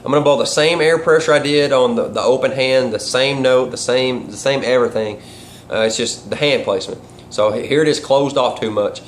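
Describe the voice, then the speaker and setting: A man gives a casual, hands-on lesson in a folksy, rambling style. His voice sits at a middling pitch and his grammar is loose and colloquial. There is clear noise behind him on the recording. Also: brisk, few pauses. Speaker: duck calling instructor and caller. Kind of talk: casual instructional vlog talk.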